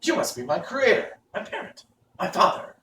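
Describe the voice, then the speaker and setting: A man's voice: high-pitched, wildly swooping pitch, normal speed, sharp tone, pitched above the performer's own voice, full character voice. A man voicing a naive, polite, newly made pumpkin-headed man in an earnest, wondering way for a children's storybook. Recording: roomy, noisy, distant microphone.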